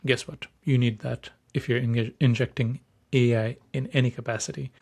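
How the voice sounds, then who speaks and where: Young male podcast host from Nepal, mid-pitched, eager, talks in quick bursts with frequent self-corrections. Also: steady tone, vocal fry, a little mellow, husky. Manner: upbeat, enthusiastic, restarts words often. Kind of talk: solo podcast monologue.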